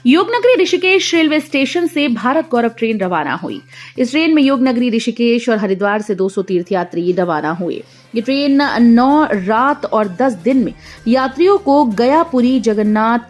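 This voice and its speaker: Female news reader, slightly high voice, formal bulletin read, light music bed underneath. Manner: steady formal headline delivery. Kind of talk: scripted news bulletin reading.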